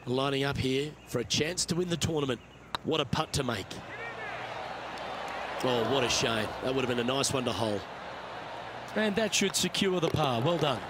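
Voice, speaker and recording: A man giving calm, understated play-by-play commentary on golf, with dry remarks. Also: medium pitch, normal speed, long pauses, very noisy. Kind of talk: measured sports commentary. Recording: game commentary over music and crowd. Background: music and crowd murmur.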